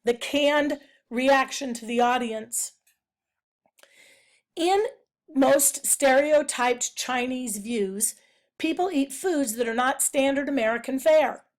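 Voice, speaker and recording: A woman giving a narrated presentation analysing a novel, speaking in a measured, explanatory way. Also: high voice. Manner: measured, explanatory, reads quotes aloud.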